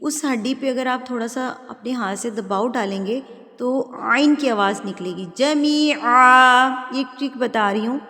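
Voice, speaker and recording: A woman teaching Quran recitation rules step by step, explaining patiently, checking that students follow and drawing out example words slowly. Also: fairly high pitch, in a large hall. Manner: switches into slow, drawn-out, louder recitation for examples. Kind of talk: step-by-step tajweed lesson.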